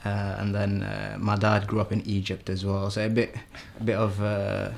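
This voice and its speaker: A young man in his twenties from Sweden, a guest talking in a halting, easygoing way with many restarts. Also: fairly low pitch, monotone, gravelly, a little hiss or hum. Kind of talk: casual chat.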